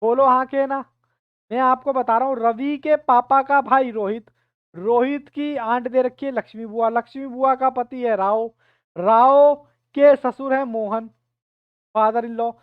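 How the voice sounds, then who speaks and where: A man's voice: very high voice, steady tone, a little slow, clear, resonant tone, dry recording. A male teacher giving an online reasoning class, explaining step by step and keeping at his students to answer. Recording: tinny phone-like dry sound.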